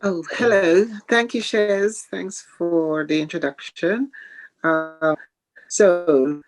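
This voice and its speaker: A woman guest presenter starting her talk in a slow, halting way. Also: fairly low pitch, soft background music, rough recording.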